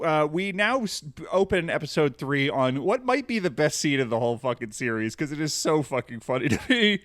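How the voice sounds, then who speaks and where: A man's voice: medium pitch, a bit bright, no room sound, clean studio sound. A man co-hosting a podcast, casually recapping a cartoon, amused, laughing often and swearing. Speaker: podcast co-host.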